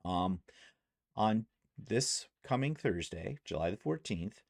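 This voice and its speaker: A man's voice: lowish voice, animated, slow pace, creaky, no echo, studio quality. A man in his sixties, retired, chatting casually in a rambling way with many fillers on a vlog, possibly with a Canadian accent. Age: 60s. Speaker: vlogger.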